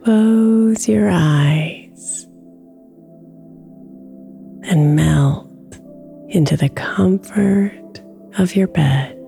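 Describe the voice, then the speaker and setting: A woman guiding a sleep meditation with affirmations, speaking softly and slipping into whispers, over soft music in the background. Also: fairly low pitch, vocal fry. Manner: slow, soft-spoken, drifting into whispers. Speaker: meditation guide.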